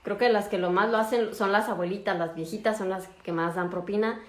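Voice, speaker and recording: Mexican lady doctor chatting w viewers, lively, acts out patients, bit of room echo. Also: mid-range voice, a little fast. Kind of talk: casual live chat with viewers.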